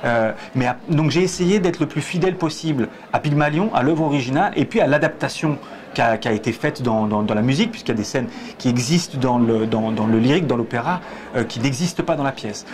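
His voice is medium-pitched with a darkish tone, quick in pace, and the recording carries a little hiss or hum. A stage director in his forties, he answers interview questions thoughtfully from a box seat in a theatre auditorium via lapel mic, hesitant, restarting often, gesturing, with busy crowd chatter behind.

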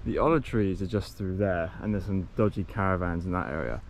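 This young cycle-touring vlogger talks casually into an arm's-length action camera outdoors on a sunny coastal path, rambling and self-correcting. His voice is low-pitched and brisk, and a little hiss or hum is audible.

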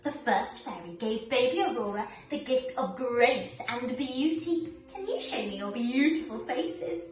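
A woman's voice: a little high, animated, measured pace. A young woman teaching small children like an overbright kids party host, with sing-song delivery, coaxing questions and exaggerated oohs. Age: young adult. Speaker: pre-school ballet teacher. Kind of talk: children's lesson and storytelling, talking to small children. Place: living room with wooden floor. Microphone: camera a few metres away. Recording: roomy echo, distant camera microphone, faint music.

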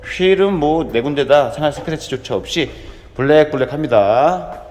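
A man's voice: on the high side, animated, normal speed, a little mellow. Used car salesman in a reverberant space. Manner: smooth salesman patter, item by item. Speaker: used car dealer presenting a car. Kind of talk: car walkaround sales presentation. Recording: long reverberant echo.

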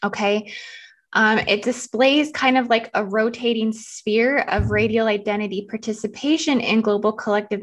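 A woman hosting her own spiritual video channel, talking quickly and excitedly with lots of ums. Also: mid-range voice. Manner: rapid, excited, many ums. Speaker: channel host. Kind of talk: casual spiritual vlog talk.

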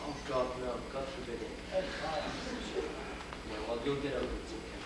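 Speaking at a fairly quick clip with a steady tone and medium pitch, this young man from Wales delivers a jokey, theatrical history lecture in a Welsh accent. He stands in a lecture hall with a projection screen before an audience, recorded on a far-off camera in noisy old video with the hall's echo.

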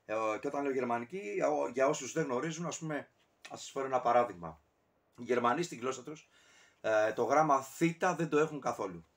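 A man casually ranking albums on camera, talking in a rambling, digressive way with many fillers and self-corrections. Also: medium pitch. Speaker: music reviewer.

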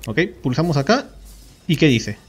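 A man's voice: medium pitch, very animated, normal speed, breathy edge. A man giving a casual game tutorial, explaining step by step and often checking in with listeners. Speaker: gaming YouTuber.

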